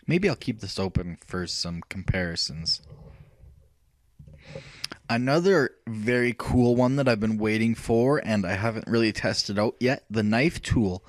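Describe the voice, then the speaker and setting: A man hosting a software tutorial, thinking aloud as he clicks through features, rambling with fillers and self-corrections. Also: on the low side, dry recording. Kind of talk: casual screen-recorded software walkthrough.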